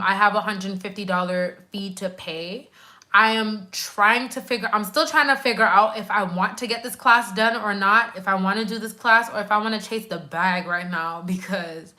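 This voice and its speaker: This woman, a nurse in her twenties, chats animatedly on a casual live stream from her home couch, speaking directly to viewers and reading what they comment. She has a medium-pitched voice that sounds pushed and bright.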